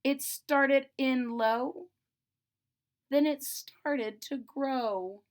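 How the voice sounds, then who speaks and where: Reading a storybook aloud, this woman speaks in a high voice, very slowly and expressively. She drops in simple, casual asides explaining the tale as though to young children.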